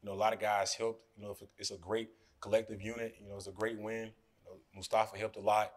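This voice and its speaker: His fairly low voice comes quickly as this young basketball player, in his twenties, handles questions after the game. Speaking loosely into the podium mics in front of him, he relies heavily on "you know," set in a press room with a sponsor backdrop.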